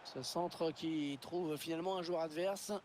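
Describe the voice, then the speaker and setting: A man's voice: a little high, fairly even intonation, measured pace, a little mellow, natural voice. A man playing a keen football match commentator in a sports video game. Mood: measured. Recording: game audio with faint background noise.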